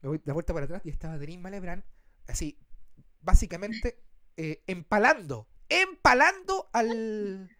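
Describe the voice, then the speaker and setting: A man with a Chilean accent, co-hosting a casual chat and telling a story in an animated, slangy way. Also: normal speed. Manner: animated, slangy, acts out quotes in a high voice. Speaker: podcast co-host.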